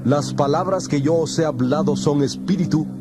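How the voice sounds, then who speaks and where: A man playing Jesus as a solemn teacher, speaking in a measured, declamatory way in a dramatized scripture reading, with music behind him. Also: fairly high pitch, lightly acted. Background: background music.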